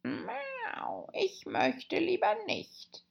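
A thin, high storybook cat. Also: female voice, huge pitch swings, extremely slow, creaky, lo-fi sound, heavily acted. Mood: aloof. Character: sly, aloof grinning cat.

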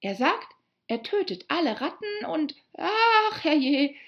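A woman's voice: fairly high pitch, sing-song, a little slow, dull audio, voice pushed up. A woman voicing an eager, polite young girl who chatters on apologetically.

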